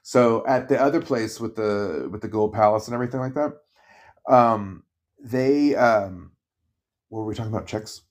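A man telling work stories in casual chat, high and chatty, acting out the people he quotes. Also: moderate pace.

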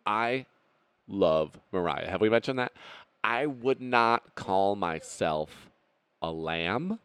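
A young man with a fairly low-pitched voice talks through a relaxed pop music podcast. He is playful and chatty, and now and then he slides into bits of sung falsetto. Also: takes it slowly, smooth, no room sound. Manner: playful, bursts into falsetto singing. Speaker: podcast co-host. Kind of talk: casual chat about pop music.

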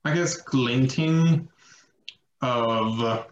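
Slow, halting game-master man. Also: medium pitch, reverberant, muffled recording. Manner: slow, halting narration full of fillers. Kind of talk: narrating a tabletop game.

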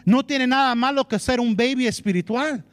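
A male pastor gives an animated sermon, switching into English phrases and acting out what people say. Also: extremely high pitch, moderate pace, no echo. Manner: mixes Spanish with English phrases; animated preaching that acts out quotes.

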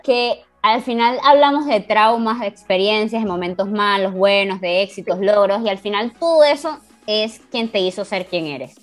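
A woman in her twenties co-hosting a podcast, telling a story in an animated, casual way and laughing often. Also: mid-range voice, moderate pace, hardly any pauses. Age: 20s. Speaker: podcast co-host.

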